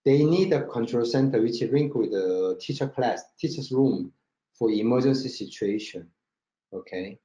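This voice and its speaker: A Korean-accented man with a soft, mellow, expressive voice at medium pitch presents a product over slides as his company's marketing director. He speaks halting non-native English with lots of check-in words. The online webinar, screen shared from an indoor room, has dull, roomy audio.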